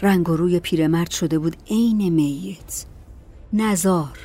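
A woman narrating a story in a calm, measured audiobook reading. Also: lowish voice, faint music behind.

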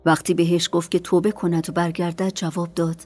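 A woman narrating an audiobook in a soft voice that often drops to a whisper. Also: fairly low pitch, little pitch movement, faint music behind. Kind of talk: scripted narration.

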